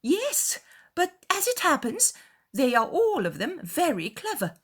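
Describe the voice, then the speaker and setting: Woman playing a high, fussy, gushing mother. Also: wildly swooping pitch, measured pace, a bit bright, heavily acted. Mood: indignant, coaxing. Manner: exclamatory, eager, insistent. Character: excitable, fussy middle-aged mother, gushing and scheming.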